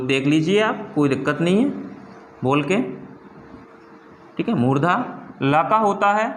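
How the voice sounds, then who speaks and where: A man's voice: high voice, fairly bright tone. A man teaching a Hindi lesson, asking the class questions and answering them himself, repeating key terms. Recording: echoey room.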